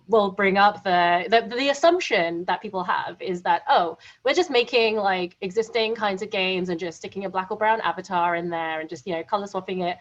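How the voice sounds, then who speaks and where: Woman, studio founder, lively panel speaker, dull lo-fi sound. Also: mid-range voice. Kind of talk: panel discussion. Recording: muffled lo-fi audio.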